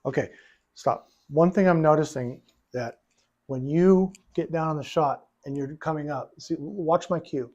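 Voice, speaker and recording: Man, billiards coach, fairly high voice, patient, repeats himself while explaining. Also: unhurried, darkish tone, dull audio. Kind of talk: one-on-one coaching session.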